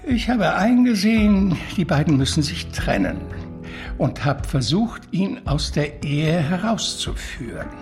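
In a German radio drama, an actor plays a cultured, anguished witness from the art world who justifies himself in deliberate, formal phrasing, sounding earnest and troubled. His male voice is high and very animated, with soft music in the background.

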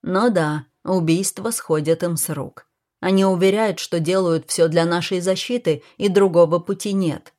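A woman's voice: fairly low pitch, moderate pace, a little mellow, lightly acted. A woman voicing an angry, protective man who speaks in a stern, clipped way in a storybook reading. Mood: grim.

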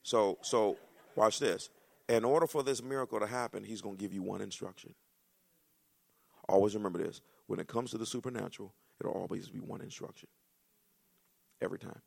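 A male pastor preaching a sermon, acting out dialogue and climbing to shouts. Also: on the low side, a little fast, creaky, pauses often. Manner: animated preaching, acts out dialogue, rises to shouts.

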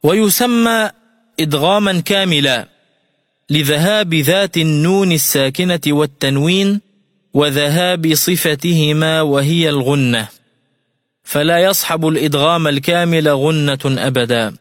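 A man teaching Quran recitation rules in a radio lesson, explaining each rule clearly and reciting examples slowly and melodically. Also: fairly high pitch, a bit bright, dry recording, clean studio sound, in a large hall.

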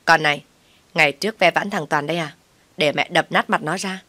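A woman's voice: low voice, fairly quick, dry recording. A woman doing a fierce, tough middle-aged mother. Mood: threatening. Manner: loud and bossy.

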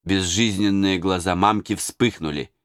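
A man's voice: deep voice, steady tone, unhurried, a bit bright, clear, resonant tone, no echo, studio quality. A man narrating a historical novel as an audiobook in a dramatic storyteller's cadence. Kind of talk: expressive literary narration.

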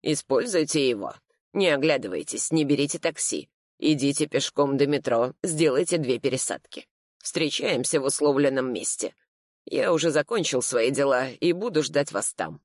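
A reader voicing a composed middle-aged male lawyer who gives clear, steely instructions. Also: medium pitch, expressive, no room sound, clean studio sound. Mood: commanding. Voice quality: measured, steely.

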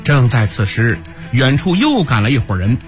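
A male storyteller narrating a radio story in an animated, expressive manner. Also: medium pitch, normal speed, music in the background. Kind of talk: dramatic Chinese storytelling narration.

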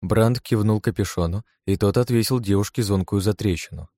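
A man narrates a first-person adventure audiobook with a very low, dark and mellow voice. He reads in a steady, measured way. The recording is dry and close. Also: no echo.

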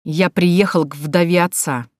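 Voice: mid-range voice, fairly quick, no echo, clean studio sound, lightly acted. A reader voicing an angry nobleman who gives stern, clipped commands in an audiobook. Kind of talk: audiobook character voice.

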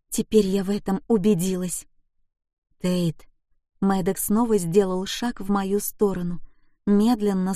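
A woman's voice: medium pitch, mellow, no echo, studio quality. A woman reading an emotional first-person audiobook in a gripping, intense way. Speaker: audiobook narrator.

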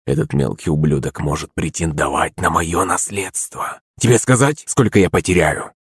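A man voicing a blustering, hard-drinking middle-aged prince in an audiobook, with a gruff, hoarse, growling delivery. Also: deep voice, normal speed, no echo, clean studio sound, pitched below the performer's own voice. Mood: angry. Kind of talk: audiobook character voice.

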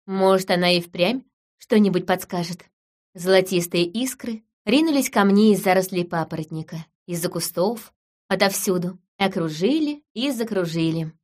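A woman narrating a first-person fairy tale in a gentle, measured storytelling manner. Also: on the low side. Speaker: audiobook narrator.

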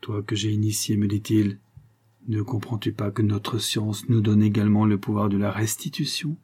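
A man's voice: lowish voice, steady tone, moderate pace, dark tone, breathy edge. A man voicing a very old male mesmerist who feverishly confesses to stealing life from children. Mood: hushed urging. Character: ancient male mesmerist confessing his crimes.

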